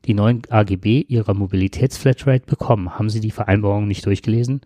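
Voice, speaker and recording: Guy doing a chirpy overpolite robot car, keeps apologizing, mellow tone. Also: lowish voice, quick pace, no echo, studio quality, natural voice. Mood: chirpy, apologetic. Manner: eager, apologetic, formal. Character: overly polite chatty self-driving car.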